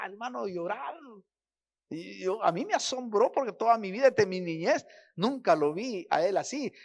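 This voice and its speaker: A man's voice: high-pitched, gravelly. A middle-aged man preaching a sermon, telling personal stories with emotional, emphatic delivery that swells in intensity. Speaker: pastor.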